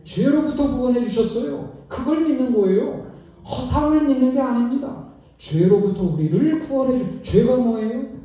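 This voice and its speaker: Mellow-voiced male pastor in an echoey church. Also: sits high. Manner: asks the congregation rhetorical questions. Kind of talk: sermon. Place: church sanctuary. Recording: echoey church hall, distant mic.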